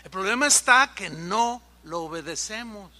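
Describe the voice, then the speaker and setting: A man preaching a sermon as pastor, acting out quoted conversations in an animated way. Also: sits high, moderate pace. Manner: animated, acts out dialogue in quoted voices.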